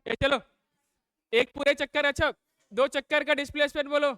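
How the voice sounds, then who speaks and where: A man's voice: very high voice, steady tone, moderate pace, pushed and bright, no echo. A man teaching a live class. He fires call-and-response questions at his students and scolds the noisy ones.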